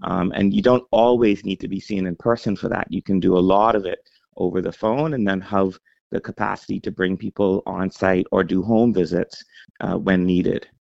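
Deep gravelly guy from the bahamas, dry muffled sound, explains stuff slow with lots of ums. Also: steady tone, darkish tone, no echo. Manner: measured, explanatory with frequent fillers. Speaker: healthcare executive guest. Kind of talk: interview answers.

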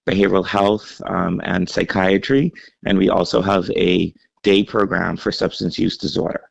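Gravelly low-voiced man from the Bahamas. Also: no room sound, highs cut off. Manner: measured, explanatory, with frequent fillers. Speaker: health center CEO, interview guest. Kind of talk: radio interview segment.

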